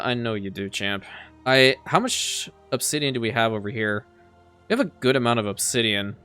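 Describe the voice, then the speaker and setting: A man whose first language is Farsi chats casually while playing a city-building game for a let's play, often repeating a word as he restarts a sentence. His voice is mid-range and a bit bright, with no echo.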